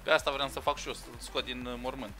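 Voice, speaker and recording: A man's voice: medium pitch, fairly even intonation, bright, forceful tone, soft background music. A man in his twenties from Romania, chatting casually with friends while streaming a driving game, joking around. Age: 20s. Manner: joking, bursts into mock French and broken English. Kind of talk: casual gaming chat with friends.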